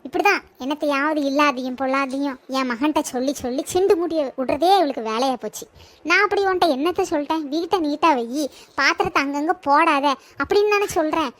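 A high-voiced, grumbling mother-in-law who sulks and complains, played by a woman in a comedy skit. She nags endlessly and pities herself at every turn. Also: quick pace, close to an everyday voice. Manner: grumbling, whiny, self-pitying. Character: nagging self-pitying older mother-in-law. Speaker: comedy sketch actor.

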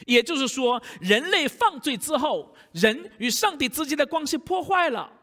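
Male preacher, bright and forceful tone, live sermon in a church with long reverb. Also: extremely high pitch. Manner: rhetorical questions to the congregation. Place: church sanctuary.

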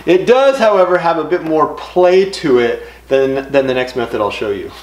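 A middle-aged man giving relaxed, step-by-step how-to instructions while building in his home workshop. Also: on the high side, normal speed. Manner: relaxed, step-by-step explaining with casual fillers. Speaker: DIY builder. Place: home woodworking garage workshop. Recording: echoey workshop with clear background noise.

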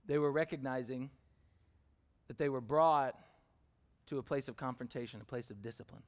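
A man's voice: medium pitch, normal speed. A man preaching a sermon, telling personal stories in a conversational way, with fillers and questions put to the congregation. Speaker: pastor.

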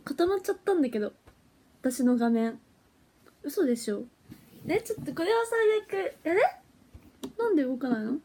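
A woman's voice: sits high, big pitch swings, normal speed, pauses often, dark tone, a little hiss or hum. A young woman, an idol, chatting casually with viewers on a phone livestream, giggly and easily flustered. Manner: chatty and giggly, flustered when her stream freezes.

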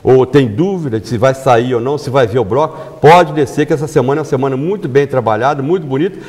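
A man, talking as a guest in a TV studio interview, animated and often correcting himself mid-phrase. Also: medium pitch, fast talker, long reverb tail. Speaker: carnival band organizer, guest. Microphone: lapel mic.

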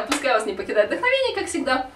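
A woman's voice: high-pitched, very animated, fast talker, fairly bright tone. A young adult woman giving a casual, improvised tutorial, rambling and giggly as she hosts. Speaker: video host, cosplayer teaching voices. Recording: roomy, distant microphone.

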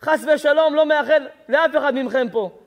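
A male rabbi preaches with passion, building his point through parables and rhetorical questions. His voice sits very high. The recording carries a long hall reverb. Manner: impassioned storytelling, rhetorical questions. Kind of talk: sermon.

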